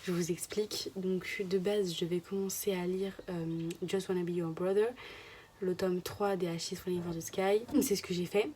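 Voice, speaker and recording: A woman's voice: on the low side, fairly even intonation, normal speed, warm tone, slight background noise. A young woman from France chatting casually to her phone camera in a vlog, rambling and sometimes dropping to a whisper. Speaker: vlogger.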